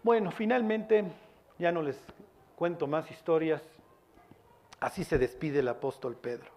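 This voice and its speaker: Animated preacher, somewhat high voice. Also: male voice, unhurried. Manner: animated storytelling, acting out quotes. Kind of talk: sermon.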